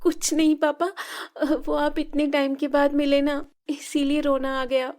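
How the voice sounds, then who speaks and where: A woman's voice: high-pitched, level tone, a little slow, pitched above the performer's own voice. A woman doing a meek, pleading young girl. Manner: soft, pleading. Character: meek, mistreated young stepdaughter.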